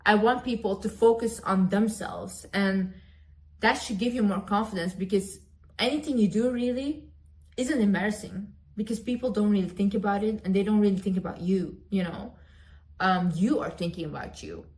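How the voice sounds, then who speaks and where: A woman's voice: mid-range voice, moderate pace, a little mellow. A young woman giving an emphatic, direct-to-camera motivational pep talk, repeating phrases for emphasis. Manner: talks about herself in the third person. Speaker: motivational vlogger.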